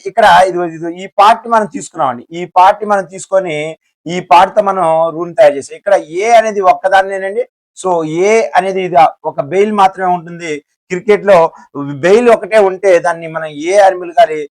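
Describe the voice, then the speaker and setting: A man's voice: high voice, no echo. A man with a Telugu accent teaching a lesson, who repeats each syllable and asks and answers his own questions. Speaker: Hindi teacher. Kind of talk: classroom lesson.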